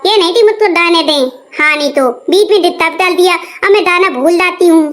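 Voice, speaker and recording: A woman's voice: very high voice, a little fast, a bit bright. A woman voicing a chatty young cartoon bride who speaks with a heavy childlike lisp. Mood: chirpy. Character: lisping young bride, chirpy and talkative. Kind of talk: cartoon voice acting.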